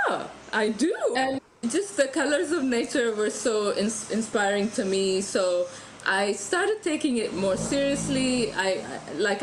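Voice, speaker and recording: A chatty woman from Ethiopia talks as a podcast guest, laughing often and restarting her sentences. Her pitch sits in a middle range. A faint hiss runs under the recording. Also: low-quality recording. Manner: warm, chatty, laughs easily, frequent restarts. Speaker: guest photographer. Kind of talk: casual podcast interview.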